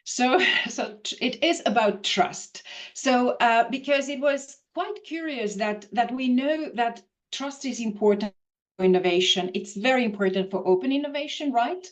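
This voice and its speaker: A woman's voice: a little high, normal speed. A woman from Finland, a professor, answering interview questions in a thoughtful way with many fillers and restarts. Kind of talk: video-call interview.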